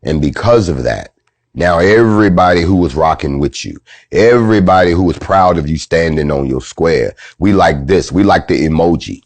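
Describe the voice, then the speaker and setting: Low-voiced dude ranting and preaching on his show, swears a lot, voice swings all over, dry close sound. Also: moderate pace, dry recording. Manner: animated, preachy, swears freely. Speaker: host. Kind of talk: profane storytelling monologue.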